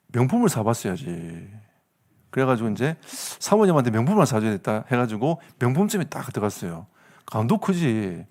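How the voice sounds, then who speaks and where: Male pastor, Gyeongsang accent, preaching with an expressive, swooping pitch and jokey asides. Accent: Gyeongsang Korean. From South Korea. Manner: animated storytelling with comic asides and laughter. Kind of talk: sermon.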